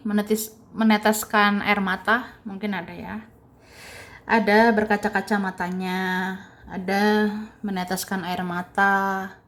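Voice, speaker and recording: A woman giving a chatty, casual tarot reading, repeating points and laughing lightly between them. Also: medium pitch. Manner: chatty, repeats herself, ends phrases with soft tag words. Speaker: tarot reader.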